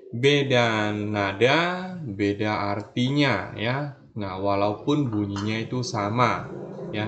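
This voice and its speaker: Slow, patient male Mandarin tutor. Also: fairly low pitch. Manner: slow, patient, demonstrates tones by singing and drawing out vowels; addresses learners as younger ones, adds frequent "ya". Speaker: Mandarin teacher. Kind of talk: online language lesson.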